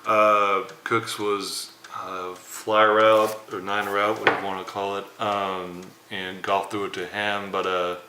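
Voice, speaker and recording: A young man co-hosting a casual sports talk show, speaking in a subdued, halting way with many fillers, downcast after a loss. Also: on the low side, little pitch movement, sharp tone. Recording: roomy echo, faint background noise.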